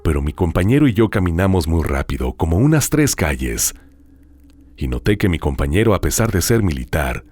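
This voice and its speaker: Male horror-story host, very deep and slightly raspy, expressive dramatic delivery. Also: no room sound. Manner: dramatic, hushed storytelling with drawn-out pauses. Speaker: host reading listener horror stories. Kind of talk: scripted horror narration.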